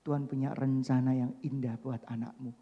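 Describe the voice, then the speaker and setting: A male pastor preaching a sermon, swinging from loud emphatic declarations to soft hushed asides, and adding joking remarks. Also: medium pitch, flat delivery, brisk, breathy edge, highs cut off. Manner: jokes and mimics people mid-sermon. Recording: long reverb of a large hall.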